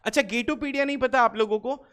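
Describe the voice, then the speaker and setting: High-voiced man teaching online. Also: moderate pace, fairly bright tone, smooth. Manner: teasing, chatty, reacts to student comments. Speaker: online exam-prep teacher. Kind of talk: live online class, Hindi-English mix.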